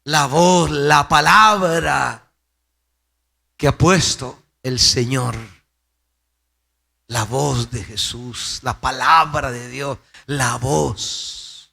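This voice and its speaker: A Salvadoran pastor preaching a sermon, swinging dramatically from hushed words to loud ones and repeating phrases for emphasis. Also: male voice, mid-range voice, drawn-out words, creaky, pauses often. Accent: Salvadoran Spanish.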